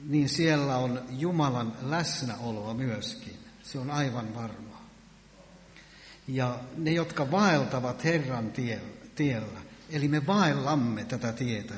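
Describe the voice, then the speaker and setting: A man preaching a sermon in earnest, with emphatic rises on key words. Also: medium pitch. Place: church hall. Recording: echoey church hall.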